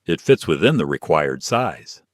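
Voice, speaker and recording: A man voicing a calm, dignified male doctor who stands firm, in an audio story. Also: mid-range voice, normal speed, no echo, studio quality, voice pushed up.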